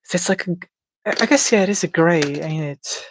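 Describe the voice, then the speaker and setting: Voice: mid-range voice, brisk, a little hiss or hum. Streamer musing while drawing. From Latvia. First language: Latvian. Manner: thinking aloud, unsure and self-mocking. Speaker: livestreamer. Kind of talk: casual commentary while drawing live.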